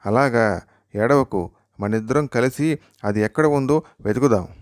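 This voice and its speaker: A man's voice: mid-range voice, measured pace, dry recording, studio quality, lightly acted. A man reading a kind passer-by. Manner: gentle, helpful. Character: kind man comforting a crying boy.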